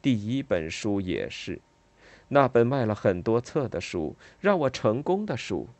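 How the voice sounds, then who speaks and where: A reader voicing a bitter, sharp-tongued adult woman who speaks in cutting, resentful bursts, raised well above the reader's own voice. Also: medium pitch, very animated, measured pace, no room sound, voice pushed up. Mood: sobbing. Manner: cutting and resentful, breaking into sobs.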